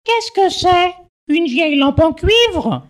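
Woman plays hopeful poor mother, very high and lively, storybook. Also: takes it slowly, exaggerated voice. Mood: eager. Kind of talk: storybook reading for learners.

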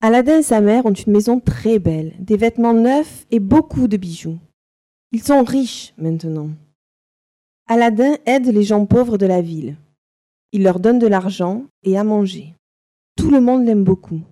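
Woman narrator, slow careful storybook reading, mellow tone. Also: medium pitch, expressive. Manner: slow, simple, carefully articulated.

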